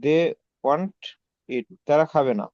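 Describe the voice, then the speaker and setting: A male student reads practice sentences slowly and haltingly, repeating each one. His voice sits a little high. The audio is dull and lo-fi, and the sound is dry. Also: darkish tone, dry recording. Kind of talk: reading practice sentences aloud.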